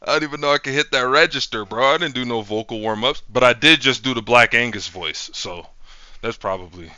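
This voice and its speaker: A man's voice: medium pitch, fairly quick, bright, forceful tone, lo-fi sound, slight background noise. A man hosting his own channel, chatting casually in a loose, profane, rambling way. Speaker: channel host. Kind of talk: casual chat.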